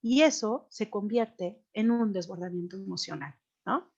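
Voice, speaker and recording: A woman gives an informal talk, explaining ideas in a relaxed, conversational way. She often checks in with the listeners and now and then acts out scolding parents. The sound is a little dull and muffled. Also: mid-range voice, unhurried, creaky. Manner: conversational, tags questions with "¿no?", frequent fillers; acts out angry and scolding quotes. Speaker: speaker on child development.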